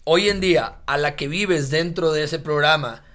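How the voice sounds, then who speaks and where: A man with a Mexican accent, a guest in a casual podcast chat, telling stories in a lively, slangy way and often repeating himself. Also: fairly high pitch, normal speed.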